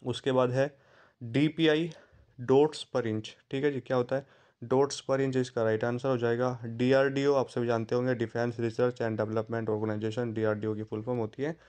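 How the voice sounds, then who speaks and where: A man's voice: medium pitch, level tone, normal speed, a little mellow, clear, resonant tone. A man teaching an exam-prep lesson online, repeating key terms and checking in with his students. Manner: repetitive, stresses key terms and checks in with "theek hai".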